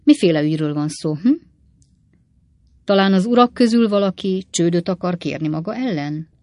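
A woman voicing a smooth, scheming older male lawyer who speaks in a wheedling, ingratiating way. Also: on the low side, a little mellow, no room sound, close to an everyday voice.

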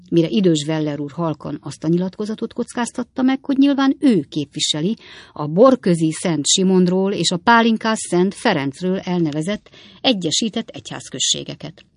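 A woman narrating a classic novel in measured storytelling. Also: lowish voice, a little mellow, no room sound, clean studio sound. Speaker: audiobook narrator. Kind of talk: scripted narration.

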